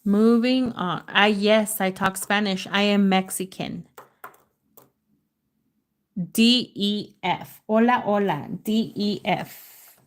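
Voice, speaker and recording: An unhurried American woman hosts a livestream word game, reading letters aloud to chat in a slow, drawn-out, casual way at middle pitch. She chats live with viewers and switches into Spanish.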